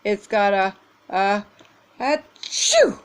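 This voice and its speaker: A woman's voice: medium pitch, animated, takes it slowly, gravelly. An older woman reading aloud, voicing a dutiful young police puppy in a storybook. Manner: eager, dutiful.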